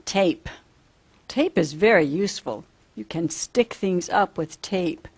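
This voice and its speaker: A woman's voice: fairly low pitch, animated, takes it slowly, husky. A woman teaching a simple children's lesson as if reading to a toddler, asking sing-song questions and repeating simple phrases.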